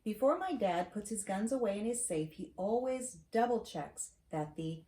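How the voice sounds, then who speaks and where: A mellow, expressive middle-aged woman with a medium-pitched voice reads a children's picture book to her grandchild at a normal speed. Along the way she offers encouragement, chatty asides and questions to check understanding. It's recorded indoors in a home study with wooden shelves, and roomy echo, faint noise and clicks can be heard.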